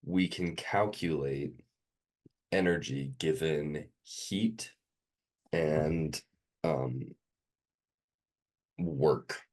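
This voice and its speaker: A man's voice: a bass voice, drawn-out words, long pauses, darkish tone. A sick, sniffly man tutoring a student one on one, hesitant with many ums as he quizzes them.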